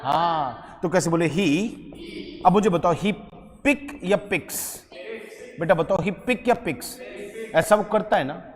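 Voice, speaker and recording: Guy teaching english grammar to a class, high voice, keeps quizzing the kids, echoey room. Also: slow, pauses often. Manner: lively, quizzing students, calls them beta.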